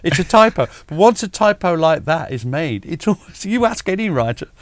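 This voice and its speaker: Lively, chuckling male historian on a call. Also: a little high, normal speed, no echo. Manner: animated, self-deprecating, chuckles often, frequent restarts. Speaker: military historian, podcaster, guest. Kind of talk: conversational interview over video call. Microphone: video call.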